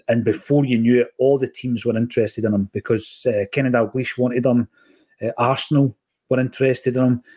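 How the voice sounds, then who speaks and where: Scottish guy on a football podcast, telling stories, warm low husky voice. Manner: storytelling, animated when quoting others. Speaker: podcast co-host. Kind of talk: casual football chat.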